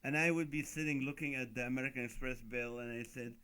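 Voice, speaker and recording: A man's voice: mid-range voice, fast talker. A middle-aged man, a guest comedian, telling funny stories on a talk show and acting out the voices of the people in them. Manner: animated comic storytelling, acts out quoted voices.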